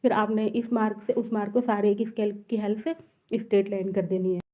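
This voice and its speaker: A woman walks through cutting a dress in a quick tutorial. Her voice is mellow and soft-edged, her pace brisk. She repeats each step patiently. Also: medium pitch, level tone. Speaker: tailoring teacher.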